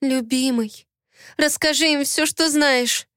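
A woman's voice: high voice, steady tone, takes it slowly, a bit bright, no echo, clean studio sound, pitched above the performer's own voice. A woman voicing a frightened young wife who pleads with a trembling voice. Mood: pleading.

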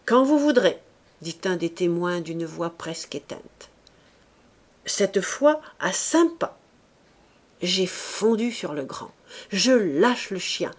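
A woman reading a novel aloud in an expressive, measured way, sometimes dropping to a hushed near-whisper. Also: mid-range voice. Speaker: audiobook reader.

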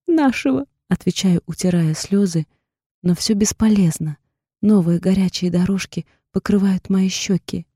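A woman's voice: on the low side, steady tone, normal speed, mellow, slightly rough, no room sound, studio quality. A young woman narrating a first-person audiobook in an emotional, tearful way.

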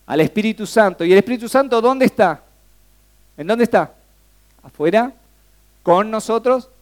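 This sermon comes from a young Rioplatense Spanish speaker with a high-pitched voice talking at normal speed. Conversational and lively, he keeps putting questions to the congregation.

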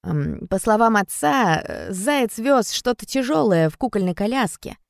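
A woman's voice: on the high side, lively intonation, a little slow, gravelly, dry recording, studio quality, pitched above the performer's own voice. Woman voicing an impatient young boy. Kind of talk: storybook reading.

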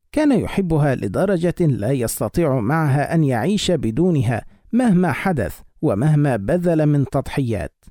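Man narrating with lively, expressive pitch. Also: no echo, studio quality. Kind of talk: scripted audiobook narration.

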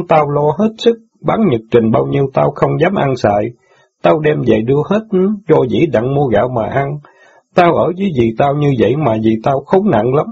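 A heartbroken street newspaper boy full of grievances, voiced by a man in an audiobook drama. His voice is dark, husky and gravelly, with bitter outbursts. The recording is dull and lo-fi. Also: medium pitch, heavily acted.

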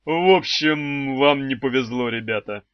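Man doing a wheezy old monster shopkeeper, slow and syrupy polite, dry dull audio. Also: medium pitch, clear, resonant tone, no room sound, lightly acted. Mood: doting. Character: genteel old male brain-eating shopkeeper, unctuous and tender. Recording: dull, slightly lo-fi dry recording.

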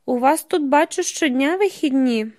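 A woman's voice: sits high, moderate pace, a little mellow, lightly acted. A woman reading the part of a chain-smoking male journalist who talks in an ironic, lecturing way. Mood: mocking.

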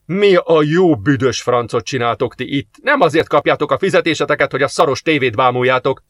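A gruff, middle-aged workshop boss who barks and swears at his staff, as a male narrator puts him on. He is voiced only a little above the reader's own pitch, in a dry, close recording. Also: fairly bright tone, dry recording, close to an everyday voice. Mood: scolding. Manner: barking, swearing.

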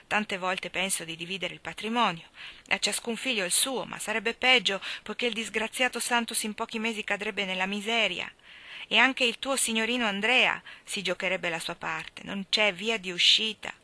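A woman's voice: medium pitch, normal speed, bright, forceful tone, natural voice. A woman reading aloud voices a worried widowed mother who laments her sons in an anxious, pleading way. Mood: lamenting.

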